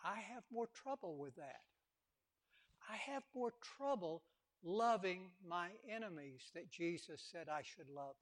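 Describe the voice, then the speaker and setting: Impassioned high-voiced male preacher. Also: expressive, measured pace. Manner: impassioned, repeats words, acts out quotes. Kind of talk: sermon.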